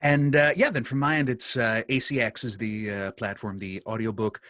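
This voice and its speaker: Bright-voiced nerdy man, self-deprecating. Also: mid-range voice, fairly even intonation, moderate pace, dry recording. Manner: self-deprecating, hesitant with many restarts. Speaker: audiobook narrator. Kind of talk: casual video-call conversation. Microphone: studio microphone.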